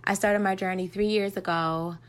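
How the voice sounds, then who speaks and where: A woman's voice: mid-range voice, fairly even intonation, moderate pace. A woman in her thirties recording a heartfelt voice note as a podcast listener, talking reflectively about her own healing. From United States. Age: 30s. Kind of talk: voice note message.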